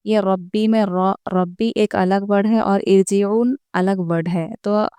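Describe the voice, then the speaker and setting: A woman gives an online recitation lesson in a very clear, smooth voice at a mid pitch. She explains each rule patiently and slows right down to sound out the example words. The recording is dry and close. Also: steady tone, warm tone, no echo. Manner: patient step-by-step explaining, repeating each point; addresses viewers directly. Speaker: Quran recitation teacher.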